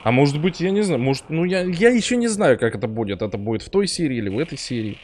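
A man's voice: mid-range voice, sing-song, fast talker, darkish tone, a little hiss or hum. A man in his thirties giving casual, rambling, mock-grumbling commentary over a video game. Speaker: let's player.

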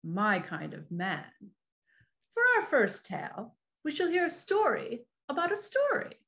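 Actress as a macabre horror hostess with a high, swooping, campy delivery. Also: female voice, wildly swooping pitch, a little slow, full character voice. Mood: arch. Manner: theatrical, arch, relishing dark jokes. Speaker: show hostess. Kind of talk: community audio play hosting.

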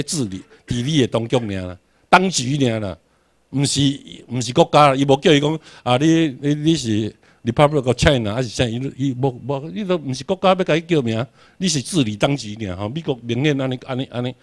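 A man's voice: mid-range voice, brisk. A man from Tainan with a Taiwanese accent, giving a classroom lecture, emphatic, putting rhetorical questions and answering them himself. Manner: emphatic, repeats key words for drilling.

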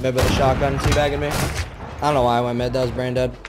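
A man's voice: mid-range voice, level tone, quick pace, very noisy. A man streaming live gameplay, talking casually and trash-talking opponents. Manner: cocky trash talk.

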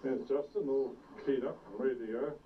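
A man's voice: mid-range voice, fairly even intonation, a little fast. A man, a father chatting casually as he films his family, heard on an old VHS home video tape. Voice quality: playful, chatty narration to family and kids. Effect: old VHS camcorder tape sound. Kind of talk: casual commentary while filming. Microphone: camcorder mic. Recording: muffled old VHS tape, distant, hiss.

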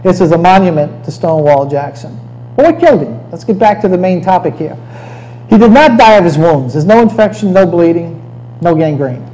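A man's voice: high voice, brisk, mellow, poor audio. A man giving a conversational history lecture over slides, often checking in with "okay?".

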